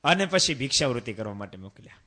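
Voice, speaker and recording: Preacher, man, bright forceful tone; devotional sermon with rhetorical questions and slow chanted refrains. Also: mid-range voice, big pitch swings.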